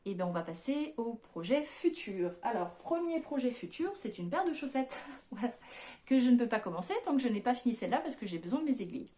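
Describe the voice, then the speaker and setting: A woman's voice: on the high side, big pitch swings, brisk, warm tone. A woman, chatting casually as a podcast host, with many fillers. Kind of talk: casual chat.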